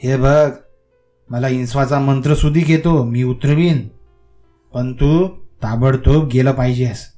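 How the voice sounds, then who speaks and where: A man's voice: medium pitch, measured pace, a little mellow, soft background music, lightly acted. A man playing a shrewd village man who bargains with and orders around a ghost. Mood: commanding. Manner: coaxing, then commanding and wry.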